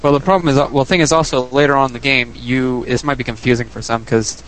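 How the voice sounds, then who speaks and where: A man's voice: medium pitch, steady tone, fast talker, crowd noise, rough recording. A man co-hosting a casual podcast discussion about a video game, rambling and often correcting himself. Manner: rambling, self-correcting, chuckling. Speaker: podcast co-host.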